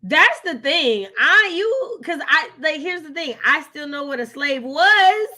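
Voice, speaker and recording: Very animated and forceful, her high, bright voice moves unhurriedly. This American co-host of a live readalong discussion chats about books casually, opinionated and emphatic, repeating phrases to hammer her points home.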